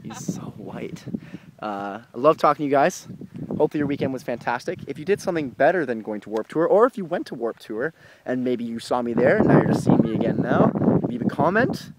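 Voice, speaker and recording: A young man co-hosting a casual vlog, telling a rambling, excitable story. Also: mid-range voice, fast, very noisy. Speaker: co-host.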